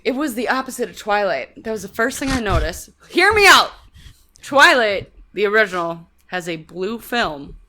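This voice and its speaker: A woman's voice: mid-range voice, expressive, moderate pace, few pauses, pushed and bright. A woman from Wisconsin, a guest on a podcast, chatting playfully and teasing the hosts. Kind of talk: casual chat.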